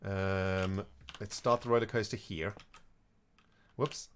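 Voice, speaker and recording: A man's voice: on the low side, steady tone, slow pace, a little hiss or hum. A young man giving live gameplay commentary, mock-exasperated and scolding the characters in his game. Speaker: streamer.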